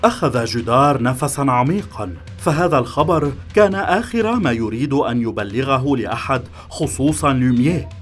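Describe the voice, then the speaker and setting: A man of mid pitch narrates a suspense audiobook in a measured, dramatic way. Faint music runs underneath his voice. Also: animated.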